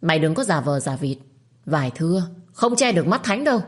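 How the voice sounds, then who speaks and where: A woman voicing a spiteful, scheming young wife who accuses loudly and shrilly. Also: deep voice, sing-song, fairly quick.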